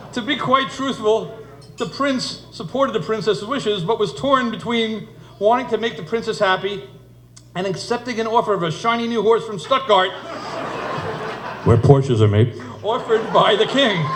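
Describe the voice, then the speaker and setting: Telling the couple's story as a comic fairytale, a high-pitched, middle-aged father of the bride addresses guests at an indoor wedding reception. Echo from the room and noisy ambience from the event fill the recording.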